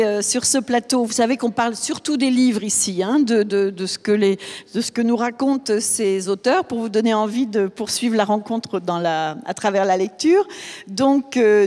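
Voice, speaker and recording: A woman's voice: a little high, darkish tone. A woman hosting a book festival panel, introducing guests with many hesitations and fillers. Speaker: host. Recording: long hall reverb.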